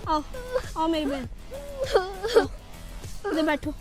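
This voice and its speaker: Woman as a firm, caring big sister, very high, music bed. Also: fairly even intonation, slow pace. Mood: comforting. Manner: caring but stern. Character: protective elder sister who scolds the cheater. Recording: music behind.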